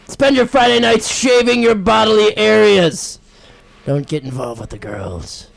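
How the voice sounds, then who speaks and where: A man doing a gruff, bossy swim coach who barks orders at his diver. The voice is gravelly and pitched high for a man. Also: expressive, a little slow, full character voice, low-quality recording. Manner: barking orders.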